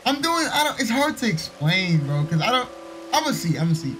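A young man in casual live-stream chat with a high voice, loose and slangy, tossing "bro" into every other line. Rain sounds drift faintly behind him. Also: sing-song, fairly quick, a bit bright, a little hiss or hum, low-quality recording. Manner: laid-back slangy talk, peppered with "bro".

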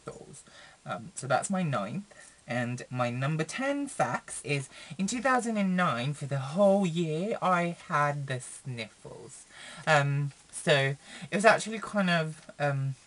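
A young man, chatting casually to his webcam in a small room, rambling with lots of fillers and restarts. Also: takes it slowly. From Philippines. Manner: chatty and rambling, many fillers and restarts, expressive pitch swings. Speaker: vlogger. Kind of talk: casual chat to camera.

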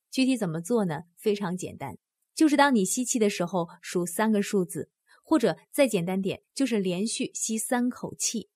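A woman with a husky, slightly breathy voice narrates a book summary in a scripted way. She talks earnestly and turns to the listener with direct questions. The sound is dry and close, with no room around it. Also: mid-range voice, darkish tone, dry recording.

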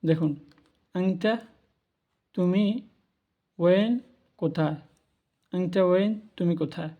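A man's voice: high voice, slow, highs cut off. A man giving a spoken language lesson, patiently repeating each word for learners. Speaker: language teacher. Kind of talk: spoken lesson on Arabic pronunciation.

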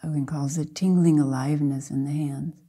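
An older woman guides a meditation as a Zen teacher, her deep, breathy voice soft and gentle. She keeps a steady tone, offering short, measured phrases separated by long pauses.

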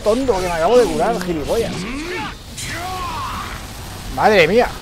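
A Spanish man with a Valencian accent giving casual, joking commentary as he plays a game, shouting and yelping when things go wrong. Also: high voice, animated, unhurried, music in the background. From Spain. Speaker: gaming streamer.

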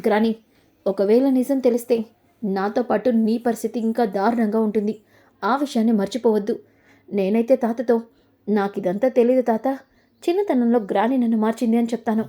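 A woman's voice: a little high, fairly even intonation, normal speed, warm tone, close to an everyday voice. A woman voicing a scheming young granddaughter who answers in a coolly defiant way.

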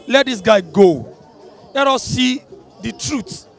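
A man's voice: very high-pitched, lively intonation, takes it slowly, fairly bright tone, some chatter behind. A young man with a Nigerian accent pleading his view in a street interview, stumbling over and repeating words. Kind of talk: earnest street opinion. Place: busy city street outdoors. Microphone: handheld mic held by interviewer.

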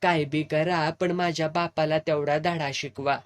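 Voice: mid-range voice, fairly even intonation, unhurried, close to an everyday voice. A narrator voicing a drunk, weeping young landlord's son who pleads in a rural Satara accent. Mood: pleading, sobbing. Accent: rural Satara Marathi. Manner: pleading, self-pitying, sobbing.

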